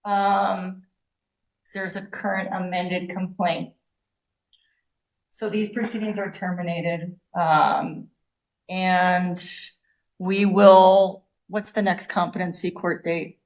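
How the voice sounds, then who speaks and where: A woman's voice: fairly low pitch, fairly even intonation, slow pace, pauses often, low-quality recording. A woman presiding as a judge at a courtroom hearing, speaking firmly and sternly, repeating her commands.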